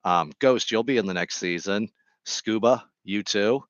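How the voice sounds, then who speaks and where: A man chatting casually on a vlog, rambling from topic to topic with deadpan, jokey humor, speaking into a Bluetooth microphone. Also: on the low side, a little slow, dry recording, highs cut off. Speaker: vlogger.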